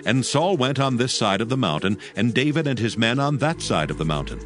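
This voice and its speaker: A man giving scripted narration of dramatized scripture in a solemn, measured storytelling manner. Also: medium pitch, expressive. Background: faint background music.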